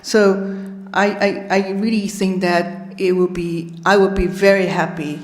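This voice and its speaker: Speaking on a conference panel in a hall, this Hong Kong academic sounds hesitant, often restarting with a stammer. Her voice is on the low side, with a steady tone and an unhurried pace.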